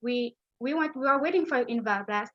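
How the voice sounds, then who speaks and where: A young Haitian woman with a Haitian accent gives an earnest, steady, slightly halting startup pitch over a video call. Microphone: video call microphone. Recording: slightly muffled call audio.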